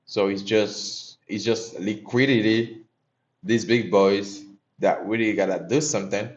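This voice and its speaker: A man's voice: lowish voice, fairly even intonation, measured pace, dull audio. A young man from Haiti, commenting on his trades live and chatting with viewers in a loose, profane way. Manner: loose and profane, talks to chat. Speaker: live-streaming day trader. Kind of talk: casual live-stream commentary.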